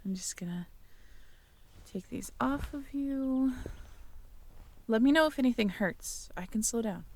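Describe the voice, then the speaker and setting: Speaking in a rather high, expressive voice at an unhurried pace, a young woman acts as the listener's girlfriend in an ASMR audio roleplay. She moves between teasing playfulness and gentle, caring tenderness.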